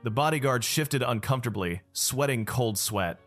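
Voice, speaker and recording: A man's voice: medium pitch, moderate pace, a bit bright, faint music behind. A man narrating a dramatic story recap in the first person.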